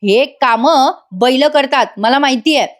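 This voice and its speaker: A woman's voice: high-pitched, measured pace. A woman voicing a spoiled, lying young woman who whines and protests. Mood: whiny. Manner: whiny, protesting.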